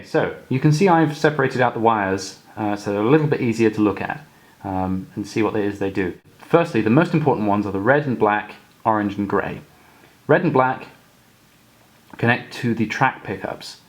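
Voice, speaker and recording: Relaxed man explaining a hobby tutorial. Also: fairly low pitch, moderate pace. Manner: relaxed, explanatory with frequent fillers and restarts. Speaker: model railway hobbyist tutor. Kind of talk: casual demonstration tutorial.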